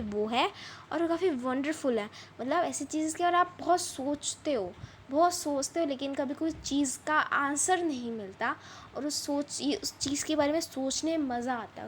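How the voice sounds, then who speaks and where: A high-pitched woman teaches an English chapter, first reading the English text slowly, then explaining it at length in Hindi and repeating herself. Faint noise lingers behind her voice.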